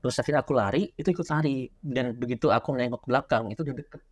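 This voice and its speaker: A young man rattles through a memory at a quick clip. His voice sits mid-range and animated. It is casual podcast chat, with no polish. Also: medium pitch. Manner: animated storyteller, quick and loose. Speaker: guest, horror story writer. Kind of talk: casual podcast chat, recounting a childhood experience.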